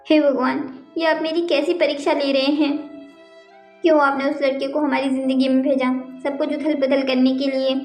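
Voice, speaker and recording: A woman's voice: high-pitched, flat delivery, moderate pace, echoey room, faint music behind, lightly acted. A woman voicing a meek, pious young orphaned niece who pleads her innocence in a cartoon drama. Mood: distressed.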